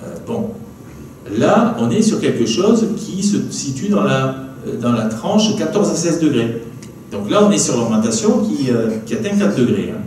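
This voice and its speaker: A man's voice: medium pitch, very animated, normal speed, darkish tone. A man with a southwestern French accent, giving a public lecture on slides in a chatty way, often adding "hein" and "d'accord". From southwest France. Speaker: meteorologist giving a public talk. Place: archive building lecture room. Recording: echoey room, from a distance, faint noise.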